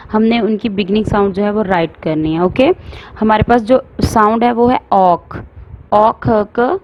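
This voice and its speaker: A woman teaching phonics to young children, sounding out words slowly and explaining in Hindi mixed with English. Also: a little high, darkish tone, a little hiss or hum, low-quality recording. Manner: slow, drawn-out sounding out of words.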